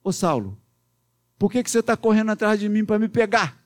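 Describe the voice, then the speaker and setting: A man with a Minas Gerais accent voicing a solemn divine voice calling out from a bright light, in a low, questioning tone. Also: animated, fairly quick.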